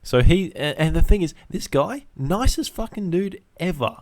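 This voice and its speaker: A man's voice: fairly high pitch, expressive, normal speed, a little mellow. A young man casually ranting as a podcast host, with laddish slang, heavy swearing and exasperated repetition for emphasis. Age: young adult.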